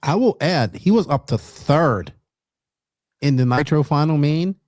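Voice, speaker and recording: A man co-hosting a casual podcast, excitable, swearing and whooping with enthusiasm. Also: fairly high pitch, a little slow, dry recording, studio quality. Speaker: podcast co-host.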